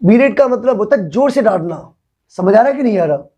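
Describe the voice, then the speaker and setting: Mellow-voiced male vocabulary teacher. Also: sits high, animated, fairly quick, husky. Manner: explains patiently, repeats words, often asks the class if they follow. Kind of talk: classroom vocabulary lesson.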